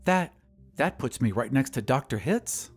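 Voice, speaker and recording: A man's voice: mid-range voice, expressive, measured pace, slightly rough, soft background music. A man voicing a coarse, humble woman who works as a gas chamber hostess, speaking plainly and getting flustered easily.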